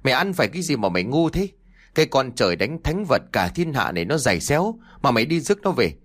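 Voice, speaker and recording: A man's voice: medium pitch, very animated, fairly quick. A man voicing an old village mother who scolds her son in long, shrieking tirades. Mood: wailing.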